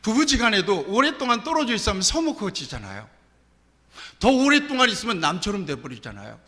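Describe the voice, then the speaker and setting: Male pastor, middle-aged: high, swinging voice, storytelling sermon. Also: a little fast. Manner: animated preaching with rhetorical questions and personal stories. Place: church sanctuary. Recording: long church hall reverb.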